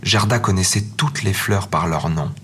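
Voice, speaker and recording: A man narrating a fairy tale as a storybook reading, in a gentle, measured manner. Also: sits low, slight background noise. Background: faint music.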